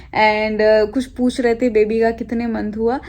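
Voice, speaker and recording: A young adult woman vlogger chatting casually to her viewers, rambling and pausing often to search for words. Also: a little high, little pitch movement, a little mellow. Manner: chatty, rambling, with frequent hesitations. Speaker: lifestyle vlogger. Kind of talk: casual chat to camera.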